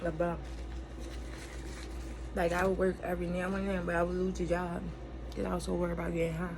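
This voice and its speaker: An American woman chatting in a rambling, casual and confessional way, candid and blunt, with emphatic, profane phrasing and a gravelly voice. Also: lowish voice, flat delivery, brisk. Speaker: vlogger. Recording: clearly noisy room ambience.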